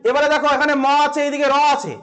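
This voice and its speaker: This man, whose accent is from West Bengal, teaches a grammar class by asking and then answering his own questions, stressing and repeating key words slowly. His voice is very high and fairly bright, and his delivery is flat.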